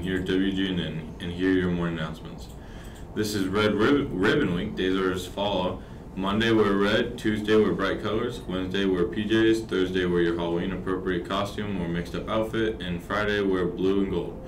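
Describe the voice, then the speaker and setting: A teenage male student anchor reading scripted morning announcements for a high school. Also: steady tone, normal speed, hardly any pauses. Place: indoor school studio at a desk. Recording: roomy, distant mic, background noise.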